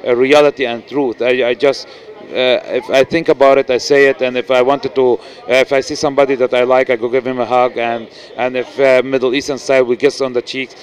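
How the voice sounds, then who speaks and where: In a casual interview at a noisy indoor event venue, a middle-aged actor with a Lebanese accent speaks earnestly into a handheld mic, with many restarts and fillers. His voice is medium-pitched, with little pitch movement, and a little fast.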